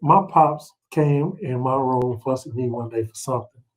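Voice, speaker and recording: A middle-aged man teaches scripture during a read-along, speaking at a medium pitch and moderate pace over poor audio. His style is informal and conversational, with personal anecdotes and rhetorical questions directed at listeners.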